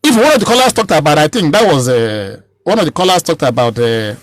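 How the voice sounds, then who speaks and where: A man's voice: on the high side, big pitch swings, fairly quick, dry recording, rough recording. A man in his thirties with a Nigerian accent, speaking as a political candidate in a radio interview, emphatic and given to repeating and restarting his phrases. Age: 30s.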